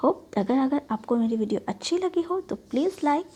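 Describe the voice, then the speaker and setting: A young woman teacher slowly explaining phonics, repeating each sound. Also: high-pitched, lively intonation, dark tone.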